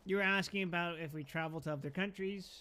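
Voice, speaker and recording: A young man chatting casually with friends, animated and joking, often laughing. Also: high-pitched, fast. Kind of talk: casual chat among friends.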